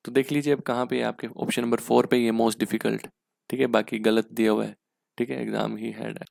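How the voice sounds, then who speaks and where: A young man with an Indian accent, teaching English grammar and vocabulary for exam prep in a casual lesson, reading sentences out slowly word by word and checking in with repeated rhetorical questions. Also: mid-range voice, flat delivery, vocal fry, a little mellow, no room sound, clean studio sound.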